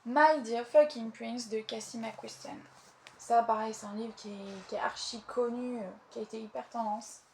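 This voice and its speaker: A woman's voice: a little high, fairly even intonation, normal speed, darkish tone, slight background noise. A young woman chatting casually and eagerly about her books, with frequent hesitations. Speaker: book vlogger. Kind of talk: casual chat.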